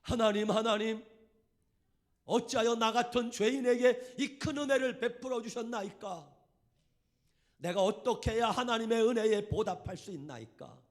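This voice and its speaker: A man's voice: extremely high pitch, pitched above the performer's own voice. A man acting as a wailing old man in prayer. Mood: pleading prayer. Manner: loud, slow, pleading, old-fashioned prayer. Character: poor grizzled man in fervent wailing prayer.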